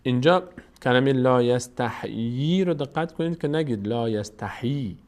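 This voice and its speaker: A man teaching Quran recitation step by step, patiently repeating words slowly and drawn out, then explaining the rules quickly. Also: mid-range voice, lively intonation. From Tajikistan.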